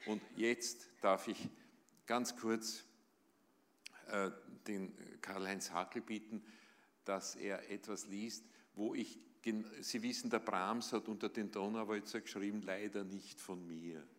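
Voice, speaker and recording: A man hosting a stage event, announcing in a chatty, slightly halting way. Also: fairly low pitch, level tone, fairly bright tone. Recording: reverberant hall, audience noise.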